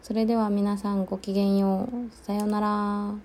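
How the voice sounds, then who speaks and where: A woman from Okinawa hosting a solo podcast, chatting casually with many fillers and pauses. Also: mid-range voice, flat delivery, a little mellow, slight background noise. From Okinawa, Japan. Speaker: podcast host.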